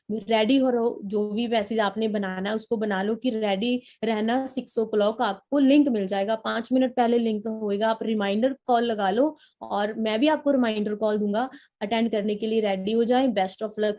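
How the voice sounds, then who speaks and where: A young woman from Punjab giving a lively, repetitive training talk to a sales team as its trainer. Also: a little high. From Punjab, India. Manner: coaching, repetitive, lively storytelling. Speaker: network marketing trainer.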